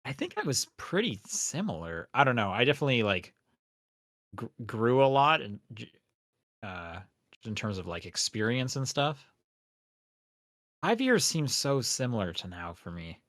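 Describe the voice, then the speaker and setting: A man with an ordinary middle-pitched voice chats on a casual podcast, recorded close and dry. He rambles and hesitates, circling back as he thinks out loud. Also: big pitch swings, normal speed, long pauses, no room sound. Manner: rambling, hesitant, lots of fillers and restarts. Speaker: podcast co-host.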